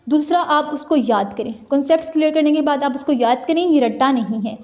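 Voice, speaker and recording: A young woman, speaking in a noticeably high voice. She works through viewer questions in a chatty, practical way, like a student sharing tips. The sound comes from a mobile phone's mic. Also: darkish tone. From Pakistan. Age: 20s. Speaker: student vlogger. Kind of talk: casual Q&A vlog.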